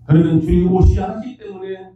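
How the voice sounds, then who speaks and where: Man pastor preaching loud, rings all over the big church room, far from the mic. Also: sits high, steady tone, quick pace. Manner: emphatic preaching with shouted peaks. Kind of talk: sermon. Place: church sanctuary. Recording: dull, echoey church sound from far off.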